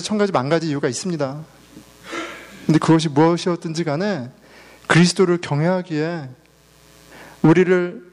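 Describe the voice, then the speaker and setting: A man in his thirties preaching a sermon as pastor, fervent and emphatic, telling a family story and slipping in English words. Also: on the high side.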